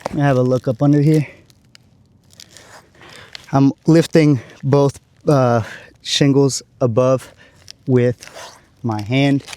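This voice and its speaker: A man working as a roofer, talking through a shingle repair step by step, his voice going hoarse after a long day. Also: medium pitch, steady tone, slow pace, long pauses, mellow. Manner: careful, explaining each step. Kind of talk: on-site repair walkthrough. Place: on a rooftop outdoors.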